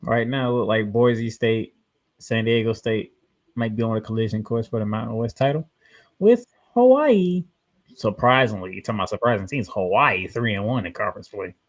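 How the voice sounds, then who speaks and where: An American man co-hosting a college football preview show, announcing matchups in an animated way. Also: on the low side, brisk. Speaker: sports show co-host.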